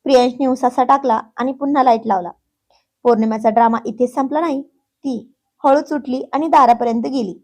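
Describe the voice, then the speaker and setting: A woman narrating a family story in a lively storytelling manner. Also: high voice, fairly quick.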